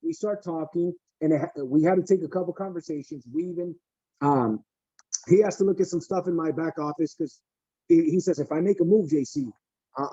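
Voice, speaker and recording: A male podcast host with a slightly high, dark and husky voice tells an enthusiastic story over an online call, acting out the quotes. The sound is dry and dull, like thin call audio. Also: dry recording. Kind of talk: introducing a guest on a call.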